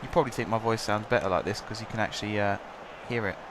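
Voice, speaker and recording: The young gaming commentator's voice is fairly low, with fairly even intonation and a quick pace, and background noise runs behind him. Sore-throated, he chats and rambles over a football management game, leaning heavily on fillers.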